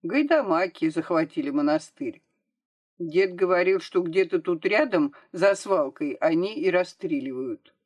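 A woman's voice: lowish voice, unhurried, no echo. Woman putting on a cheeky, bold little girl. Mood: matter-of-fact. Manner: eager, lively, brash.

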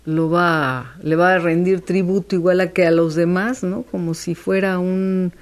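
A woman's voice: fairly low pitch, steady tone, measured pace. Curious woman co-hosting radio. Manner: inquisitive, interjects often. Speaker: radio co-host. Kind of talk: casual radio chat. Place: radio studio.

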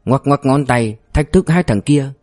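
Man, audiobook narrator, steady storytelling, medium pitch, soft music underneath. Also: measured pace. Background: faint music.

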